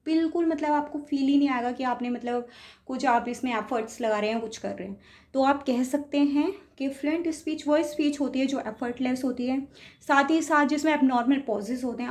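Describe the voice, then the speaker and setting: A woman teacher lectures patiently, sounding out example words and breaking each idea into steps. Her voice sits a little high. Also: a little mellow. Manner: patient, explains step by step with spoken examples. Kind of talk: lecture on speech, mixing Hindi and English terms.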